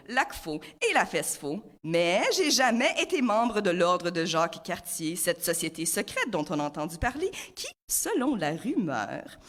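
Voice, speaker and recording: Lively young Franco-Ontarian woman joking. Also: mid-range voice. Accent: Franco-Ontarian French. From Ontario, Canada. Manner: playful, wordplay-heavy, theatrical delivery. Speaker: comic columnist. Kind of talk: humorous rhyming spoken chronicle.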